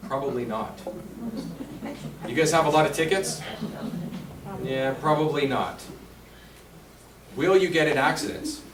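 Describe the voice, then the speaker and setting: A slightly high-voiced man talks insurance in an unhurried way, leaving long pauses, with a crowd audible behind him. He's quizzing his audience in a conversational talk at a seniors' residence meeting room, recorded from a distance with room echo and faint hiss.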